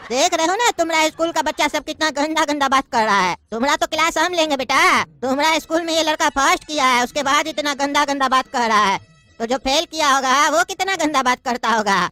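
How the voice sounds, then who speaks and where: A woman's voice: sits high, brisk, bright, forceful tone. A woman voicing a pompous old male judge near retirement in a cartoon comedy, speaking in a bossy, mocking, lecturing way.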